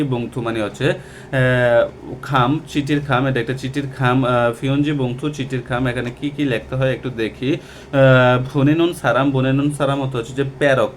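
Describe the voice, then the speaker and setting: Man, language lesson, mid-pitched voice, slow and repetitive, faint background hiss. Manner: slow and repetitive, with many hesitations. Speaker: Korean language teacher. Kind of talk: textbook lesson explaining vocabulary.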